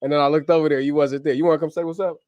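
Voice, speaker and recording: A man hosting a casual livestream from home, upbeat and slangy as he gives shout-outs to viewers, a little short on sleep. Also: fairly high pitch, steady tone, rapid-fire, dry recording, muffled recording. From US, grew up in Ohio. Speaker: livestream host. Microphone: camera mic on a livestream setup.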